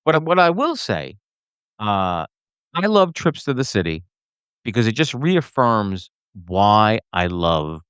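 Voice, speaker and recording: A man co-hosting a podcast, telling a ranting story in casual chat and mimicking people in high voices. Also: sing-song, slow, a bit bright, clean tone, dry recording. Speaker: podcast co-host.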